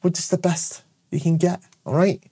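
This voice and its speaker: His voice is high and husky, stuffy from a cold, and he speaks at a moderate pace. A show host and shop owner, he gives a jokey, energetic promotional monologue to camera, frequently finishing points with "all right?"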